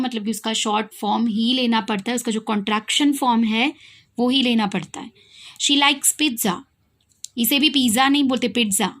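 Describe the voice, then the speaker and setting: With a slightly high, fairly bright voice, a young woman with an Indian accent gives an English grammar lesson. She keeps asking her students questions she answers herself, and she restates the key ideas.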